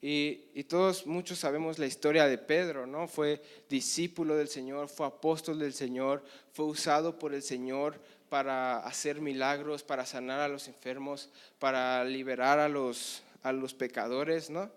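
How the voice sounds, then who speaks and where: A man's voice: fairly high pitch, fairly even intonation, a little slow, hardly any pauses, clear, resonant tone. A young man preaching a sermon at a conference, telling Bible stories with passion and acting out the dialogue. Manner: impassioned storytelling, acts out Bible dialogue. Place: conference hall.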